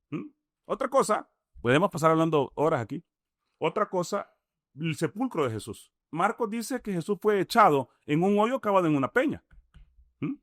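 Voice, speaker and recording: A man with a Salvadoran accent explains his points step by step as an interview guest, often checking in with a quick "mm?" and posing rhetorical questions. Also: sits high, fairly bright tone, dry recording, studio quality. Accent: Salvadoran Spanish. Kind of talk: conversational explanation.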